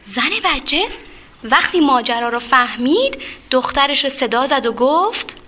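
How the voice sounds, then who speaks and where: A woman storyteller reading a fairy tale to children, expressive and talking to them directly. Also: sits high.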